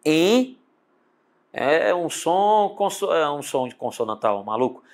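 A man with a Brazilian Portuguese accent and a slightly high voice teaches an online exam-prep lesson, addressing the student directly with many tag questions. He's animated and drawls words out slowly as he spells and breaks them down.

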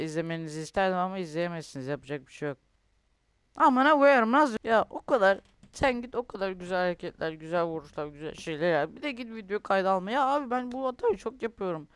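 High-voiced frustrated young gamer. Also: male voice, expressive, fast, clear, resonant tone, no echo. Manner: frustrated, swears often, rants and complains. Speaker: gaming youtuber. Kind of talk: football game commentary.

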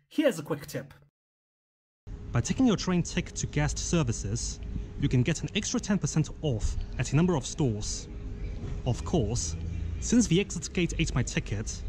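Male travel vlogger from Hong Kong, plain matter-of-fact narration, noisy track. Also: fairly high pitch. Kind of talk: casual travel vlog narration.

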